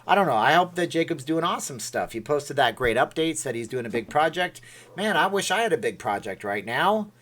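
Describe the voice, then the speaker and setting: A man's voice: a little high, very animated, a little fast, a bit bright. A man hosting a casual livestream, rambling and reading viewer comments aloud. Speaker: livestream host. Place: Las Vegas.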